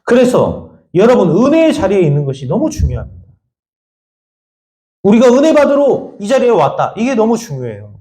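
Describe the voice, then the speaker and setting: A male pastor preaching a sermon, firing rhetorical questions at the congregation and swinging between raised high lines and quiet low asides. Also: huge pitch swings, moderate pace. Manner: emphatic, fires repeated rhetorical questions at the congregation. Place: church sanctuary. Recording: echoey church room.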